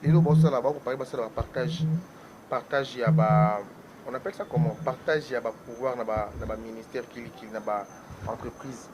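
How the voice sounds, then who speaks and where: A man giving political commentary as a guest on a talk show, talking in an animated way and switching between French and Lingala. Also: medium pitch, fairly quick, slight background noise, low-quality recording.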